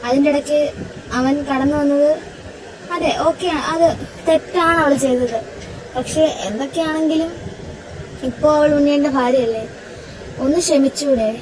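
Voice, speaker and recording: A woman's voice: sits high, normal speed, pauses often, close to an everyday voice, rough recording. A woman playing an earnest young woman in a home audio drama, steadily reasoning and persuading. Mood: pleading. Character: earnest young woman pleading with her elder. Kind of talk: amateur audio drama acting. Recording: recording with crowd noise behind.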